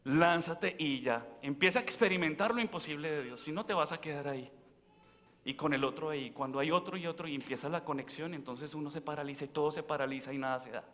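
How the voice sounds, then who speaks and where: A priest with a slightly high, somewhat bright voice speaks quickly, giving a conversational sermon full of stories and questions for the congregation. Long reverb fills the large church.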